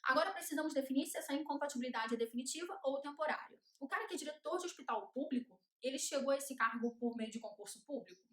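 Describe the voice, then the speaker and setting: Woman law teacher, higher register, sing-song list drills, roomy echo. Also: animated, quick pace, few pauses, fairly bright tone. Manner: rhythmic chanting of checklists. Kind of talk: classroom lecture at a whiteboard. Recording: echoey room.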